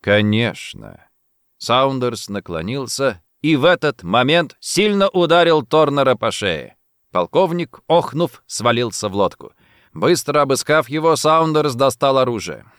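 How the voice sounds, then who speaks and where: A man narrating a thriller audiobook in an expressive storytelling manner. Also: medium pitch, measured pace, clean tone, no echo, clean studio sound.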